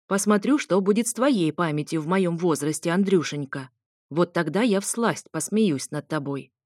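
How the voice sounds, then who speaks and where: A woman voicing a haughty, imperious old grandmother in an audiobook, speaking slowly, coldly and commandingly. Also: fairly low pitch, lively intonation, a little mellow, dry recording, studio quality. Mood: indignant. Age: older. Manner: slow, cold and commanding.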